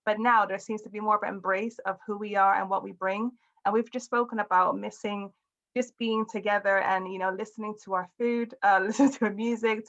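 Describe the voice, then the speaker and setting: A woman's voice: mid-range voice, muffled recording. A woman hosting a casual community discussion, encouraging the speakers and laughing easily. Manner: warm, encouraging, laughs often. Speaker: discussion host.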